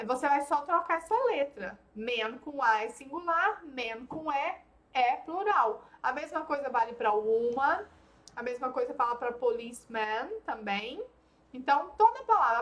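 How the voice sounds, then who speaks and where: High-voiced woman teaching slowly. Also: a bit bright. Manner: patient, repeats words slowly and checks in with "tá?". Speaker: English teacher. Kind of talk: online language lesson.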